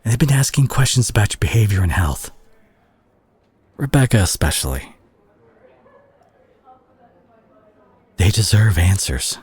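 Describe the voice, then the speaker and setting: A male actor voices a gruff brawler superhero who is fiercely protective, guilt-ridden, and tender, in a dramatic, intimate audio roleplay monologue. His voice is very husky and breathy, darkish, exaggerated, and sing-song, with widely swinging pitch. The mood is subdued and firm, and his earnest, emotional delivery halts with sighs, recorded dry and close.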